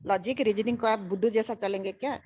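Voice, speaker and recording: A woman's voice: medium pitch, steady tone, fast, a little mellow, husky, no echo. An older woman giving a spiritual teaching, emphatic and repetitive, mixing English phrases into her talk. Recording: dull lo-fi recording.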